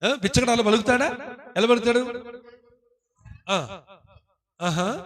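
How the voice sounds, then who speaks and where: A male pastor preaching in church, animated, questioning and teasing his congregation and acting out the voices of people in his stories. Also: very high voice, unhurried. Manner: animated, acts out voices of people praying and scolding. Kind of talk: sermon.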